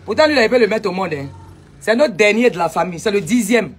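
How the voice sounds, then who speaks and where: A woman, vlogging casually from a sunny village outdoors on a handheld phone, animated and talkative, firing back at critics. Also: mid-range voice, fast, husky. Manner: animated, chatty, retorts to critics. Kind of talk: casual vlog tour.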